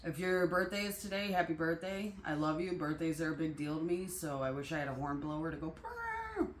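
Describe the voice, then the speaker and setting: A bubbly woman with a notably low voice chats in an excited, joking way about things she bought. She is recorded at home in a roomy space with faint background noise. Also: fast talker. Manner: bubbly, enthusiastic, jokey. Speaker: vlogger. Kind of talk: casual haul vlog chat.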